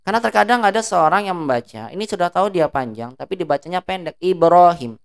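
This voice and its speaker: A woman leads an Arabic lesson in a low, smooth, clear voice, drawing out the long vowels as she drills words. She talks fast with lively intonation, often stopping to ask the students check questions about whether they follow.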